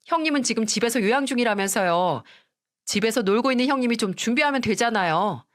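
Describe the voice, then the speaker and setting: A woman's voice: on the high side, animated, quick pace, voice pushed up, close to an everyday voice. A woman voicing a rude, selfish younger sister-in-law who talks in a sulky, dismissive tone.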